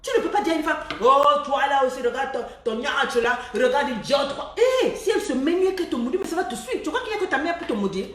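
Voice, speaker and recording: A woman giving a lively, preachy love-coaching talk. She laughs often and mimics the people she talks about. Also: high voice, quick pace, hardly any pauses, roomy sound, distant mic. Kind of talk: live-streamed motivational talk.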